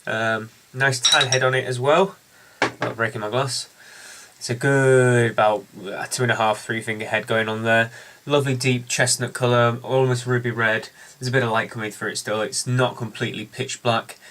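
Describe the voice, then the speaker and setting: Guy doing a beer review, bright forward voice, rambly with lots of ums. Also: medium pitch, fairly even intonation, moderate pace. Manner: chatty storyteller with many ums and uhs. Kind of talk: casual beer review to camera.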